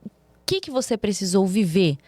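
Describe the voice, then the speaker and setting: Calm woman podcast host. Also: mid-range voice, normal speed, dry recording. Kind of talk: interview questions.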